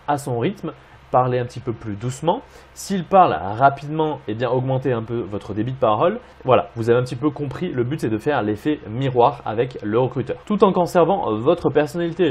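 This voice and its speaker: A man's voice: mid-range voice, a little mellow, slightly rough. A man coaching job seekers, explaining tips with frequent fillers. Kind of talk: instructional video talk.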